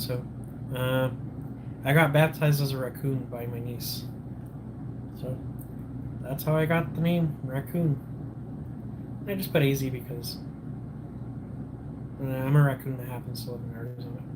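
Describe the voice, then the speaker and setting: With background noise behind his mid-range voice, a livestream host sips coffee during a casual morning stream. He greets viewers and rambles, often losing his train of thought and starting over.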